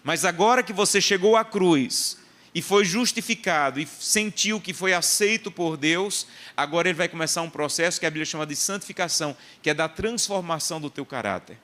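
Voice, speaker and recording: A man preaching a sermon with a slightly raised voice, leaning into key phrases and repeating them for emphasis. He moves between personal anecdotes and scripture explanation in a steady pulpit style. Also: a little high, fairly quick. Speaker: pastor.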